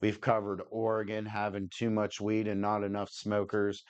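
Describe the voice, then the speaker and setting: A man's voice: lowish voice, monotone, moderate pace, clean tone, no room sound. A man, stoned, chatting casually as a livestream co-host in a laid-back, sweary stoner manner. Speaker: co-host of a cannabis podcast.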